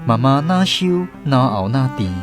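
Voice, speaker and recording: Backed by music, a man with a Taiwanese accent reads scripted storybook narration for a radio drama. His mid-range voice moves at a measured pace, expressive and full of reminiscence.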